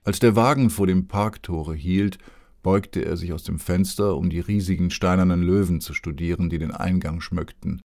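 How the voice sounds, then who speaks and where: A man narrating an audiobook in a calm, even storytelling manner. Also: deep voice, moderate pace.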